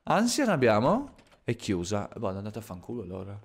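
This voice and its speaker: A man streaming a horror game, talking to his viewers as he plays. His pitch swings widely as he goes from grumbling under his breath to sudden yelled outbursts and strings of curses. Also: a little hiss or hum. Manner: swearing, excitable, quick shifts from muttering to yelling. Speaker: gaming streamer. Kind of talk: live gameplay commentary.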